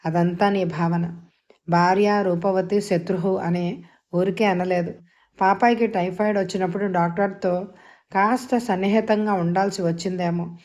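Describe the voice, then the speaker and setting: A woman voicing a defiant, sharp-tongued young woman doctor in an audio novel, speaking with scorn. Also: mid-range voice, fairly even intonation, normal speed, lightly acted. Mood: accusing. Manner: scornful, scolding.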